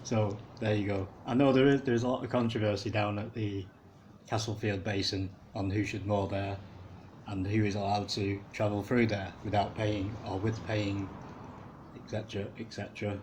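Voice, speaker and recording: A man's voice: fairly low pitch, little pitch movement, moderate pace, a little mellow, slight background noise, rough recording. A man, giving rambling, casual commentary as he walks along a city canal. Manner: rambling, chuckling asides. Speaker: canal walk video maker.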